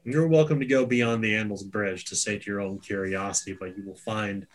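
A man voicing a solemn, guarded forest-dwelling elder who makes measured, ominous pronouncements in a tabletop game. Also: lowish voice, steady tone, lightly acted.

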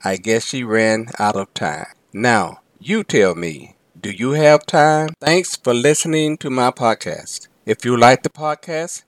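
A male podcast host reads a story aloud at a slow, deliberate pace. His voice sits in a middle register. The recording is dry and close, with no room sound. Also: medium pitch, lively intonation, dry recording.

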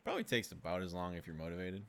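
A young man from Maine, a guest on a casual podcast, who talks in a halting, laid-back way. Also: deep voice, sing-song, vocal fry, a bit bright. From Maine, USA. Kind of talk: casual interview chat.

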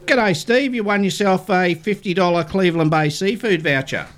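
A man's voice: sits high, normal speed, fairly bright tone. An Australian man hosting a radio show in a casual, chatty live style. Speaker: radio fishing show host. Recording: faint background noise.

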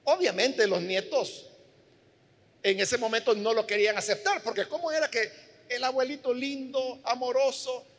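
A man's voice: extremely high pitch, moderate pace, long reverb tail. A man preaching a sermon, telling a story earnestly and speaking directly to his listeners.

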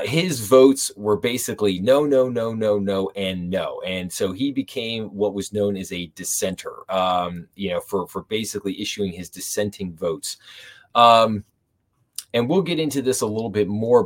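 A man hosting a podcast from a home library, reviewing a book in a casual, rambling way with frequent fillers and restarts. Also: on the low side. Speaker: podcast host.

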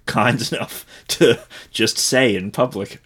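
A man's voice: mid-range voice, takes it slowly, fairly bright tone, breathy edge. A man co-hosting a podcast, making dry, wry remarks in casual chat. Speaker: podcast co-host.

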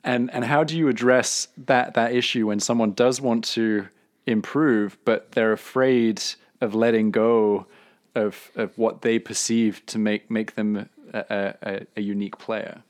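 A man's voice: on the low side, fairly even intonation, unhurried. A man hosting a casual podcast interview, thoughtful and often repeating words as he starts sentences.

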